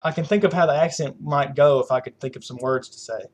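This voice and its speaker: A young man with a Southern US accent hosts a podcast, chatting casually and rambling with lots of fillers and frequent laughs. His voice is a little high, and he talks fast.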